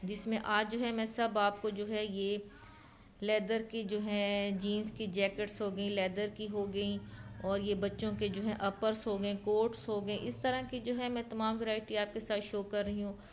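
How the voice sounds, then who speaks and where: A chatty woman talks through a casual shopping vlog at an open-air market, speaking into a handheld phone. Her voice sits at an ordinary middle pitch. Faint market noise runs underneath her. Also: flat delivery, unhurried. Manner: chatty, leans on the filler "jo hai" a lot. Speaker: vlogger. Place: open-air flea market stalls outdoors.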